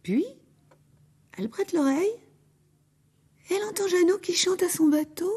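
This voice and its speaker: A woman narrating a children's story aloud in an expressive, dramatic way. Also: extremely high pitch, moderate pace.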